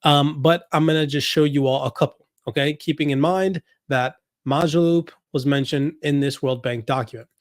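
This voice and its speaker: A man with a slightly raised pitch talks viewers through documents he scrolls on screen, reading lines aloud and circling back to his main points. His voice sits dry and close to the mic, with no room around it. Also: fairly even intonation, normal speed, few pauses, no echo. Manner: explains while scrolling, reads passages aloud, repeats points. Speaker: crypto commentary host. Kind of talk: screen-share document walkthrough.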